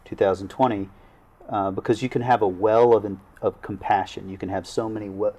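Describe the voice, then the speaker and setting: A man, a local government official in a studio panel conversation, speaking earnestly and haltingly with many restarts. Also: lowish voice, fairly even intonation, mellow. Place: small TV studio.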